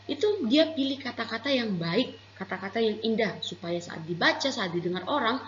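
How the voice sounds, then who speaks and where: An Indonesian-accented woman teaches young children in a gentle, patient, unhurried way. Her voice rings in an echoey room, and the recording sounds slightly dull with faint hiss behind it. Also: a little high. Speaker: primary school teacher. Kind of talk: online lesson for young children.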